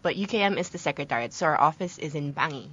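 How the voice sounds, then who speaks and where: A young woman from the Philippines, a guest on a radio talk show, explaining her volunteer program in a friendly, measured way. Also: low voice, lively intonation, a bit bright, slightly rough. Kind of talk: radio studio interview. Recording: slightly dull lo-fi studio audio.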